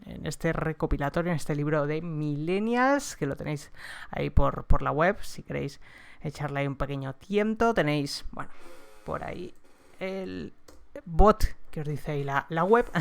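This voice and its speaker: A woman's voice: deep voice, vocal fry, clean tone. A woman host, hosting a casual interview in a chatty way with many fillers and restarts.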